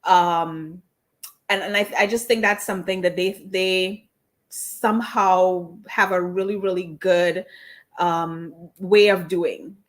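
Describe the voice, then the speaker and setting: Speaking slowly and steadily in a fairly low voice, a woman with a slight Trinidadian accent answers interview questions in a candid, conversational way. She is an immigration attorney on a video call and often restarts her phrases.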